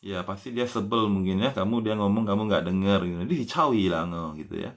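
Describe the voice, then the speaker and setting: A man teaching language on a casual live stream, patiently drawing out example words and spelling them letter by letter, with a soft "ya" closing almost every phrase. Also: lowish voice, brisk.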